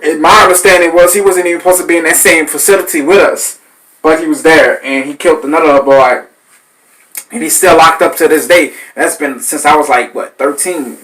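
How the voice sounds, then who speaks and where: A man, hosting a podcast and telling stories in a loose, animated way, cursing and acting out voices. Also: a little high, a little fast, rough recording. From New Orleans, Louisiana. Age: 30s. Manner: animated, swearing, acts out voices in his stories. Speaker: podcast host. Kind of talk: casual storytelling.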